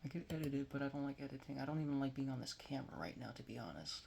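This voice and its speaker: Talking very fast and expressively, a Texan man in his forties vlogs from a small home room with a phone or webcam close to his face. His mid-range voice is gravelly and darkish, and there's a little hiss or hum. He rambles, jokes at his own expense, and sometimes drops to a near-whisper.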